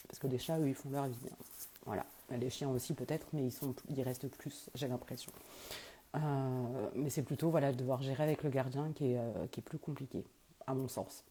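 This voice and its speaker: Hesitant woman with a husky, mellow voice. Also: rumbling low, fairly even intonation, normal speed. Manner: hesitant, many fillers and restarts, laughs often. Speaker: medium answering viewers' questions. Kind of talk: casual live-stream Q&A.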